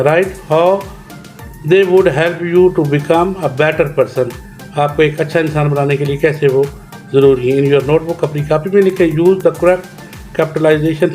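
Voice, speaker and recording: A man guides children through a homework lesson at a very unhurried pace. His voice sits a bit higher than usual, and he drags words out, repeating them syllable by syllable. Faint music plays behind him. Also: a little mellow. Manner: slow, drawn-out dictation, repeating words syllable by syllable. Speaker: teacher.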